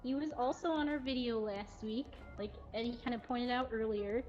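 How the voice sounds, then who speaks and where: A woman with a fairly high pitch and darkish tone speaks at a moderate pace, presenting casually on a livestream from a cat cafe. The audio is dull and lo-fi, with faint music playing in the background.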